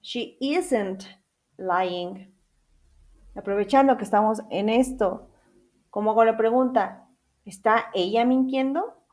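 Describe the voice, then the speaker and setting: A woman's voice: fairly high pitch, slow, pauses often, darkish tone. A woman teaching an English grammar lesson in two languages, spelling out letters, repeating each example and checking in with her class through questions.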